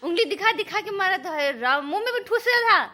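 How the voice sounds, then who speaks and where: A woman's voice: very high voice, expressive, quick pace, a crowd in the background. A woman in playful family chat, laughing and exclaiming as she retells what a child tells her, with faint music behind. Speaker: family vlogger.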